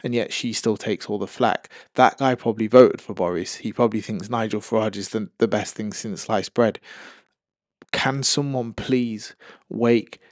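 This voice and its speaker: A man's voice: lowish voice, steady tone, fairly quick, hardly any pauses, dry recording, clean studio sound. A man giving opinionated political commentary in an emphatic, exasperated way.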